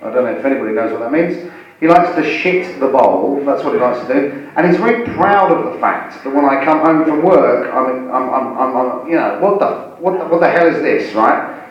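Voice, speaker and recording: A man's voice: medium pitch, animated, highs cut off. Forty-something male comic in an echoey room. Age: 40s. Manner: halting, repeats words and phrases. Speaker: stand-up comedian and host. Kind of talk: live stand-up comedy with audience banter. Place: indoor comedy venue. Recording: echoey live room, distant mic.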